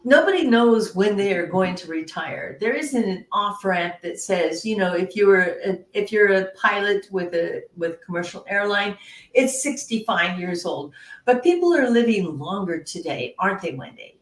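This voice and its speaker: A woman hosting a podcast interview, chatty and animated, with playful asides. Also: medium pitch, normal speed. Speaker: podcast host. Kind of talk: casual interview talk. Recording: roomy echo.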